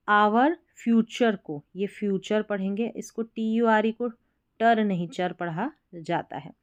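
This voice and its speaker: Slow, patient Hindi-accented woman teacher. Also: medium pitch, dry recording. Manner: spells words letter by letter and explains patiently. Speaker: English teacher. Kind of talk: slow spelling and pronunciation lesson.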